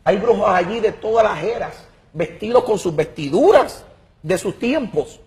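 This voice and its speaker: A man tells his religious testimony with fervor and drama. His voice sits fairly high for a man. He stresses words and repeats himself as he reaches for the next thought. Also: expressive, unhurried, a little mellow. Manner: emphatic and dramatic, repeats words while searching. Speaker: guest giving a testimony.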